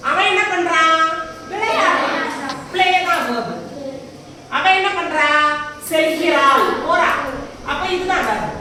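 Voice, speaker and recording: High bright-voiced teacher in echoey room. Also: female voice, lively intonation, a little slow, pauses often. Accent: Tamil. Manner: explains in Tamil mixed with English, asks frequent check questions. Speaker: English teacher. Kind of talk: classroom grammar lesson. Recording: very echoey room, voice far from mic, faint background noise.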